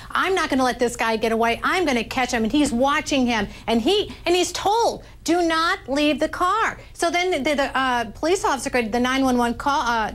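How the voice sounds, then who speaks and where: A woman with a high voice gives expert commentary as a news panel guest. She explains her reading of a recording step by step, with emphasis and rhetorical questions. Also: a bit bright. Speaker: body language expert guest.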